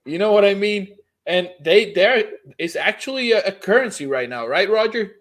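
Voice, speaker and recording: A man's voice: high-pitched, animated, normal speed, fairly bright tone. A man hosting a casual interview who keeps chiming in to agree with his guest. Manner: agreeable, chiming in with short affirmations. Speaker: host.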